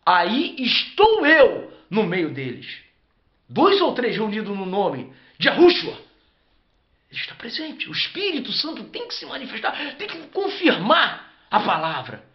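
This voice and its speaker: A Brazilian man preaching a sermon as a pastor, fervent and repetitive, drawing out his emphatic phrases. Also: extremely high pitch. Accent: Brazilian Portuguese. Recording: roomy, dull lo-fi recording.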